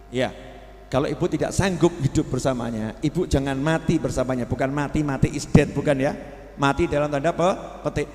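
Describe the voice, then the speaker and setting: A man preaching a sermon, asking the congregation questions and briefly acting out the people he quotes. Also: medium pitch. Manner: animated, acts out quoted voices, asks the audience questions. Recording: echoey hall.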